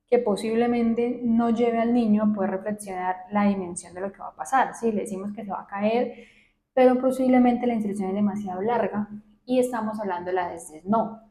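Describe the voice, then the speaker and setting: A young woman child psychologist talks parents through advice in a soft, low, mellow voice. She explains patiently and keeps checking in with short tag questions. The recording carries a roomy echo. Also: fairly even intonation, normal speed. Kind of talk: educational talk to camera.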